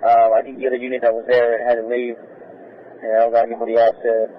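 A man gives an informal police radio report as an officer in the field. His voice is medium in pitch, and the transmission is dull and low in fidelity. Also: monotone, a little fast.

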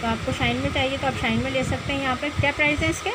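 A woman with a high voice hosts a handheld shopping vlog, chatty and repetitive as she relays product details to her viewers. She records on a phone in a busy mall shop, with loud crowd and machine noise behind her. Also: fairly even intonation, very fast. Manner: chatty, repeats the prices and details back to the camera. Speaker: vlogger and channel host.

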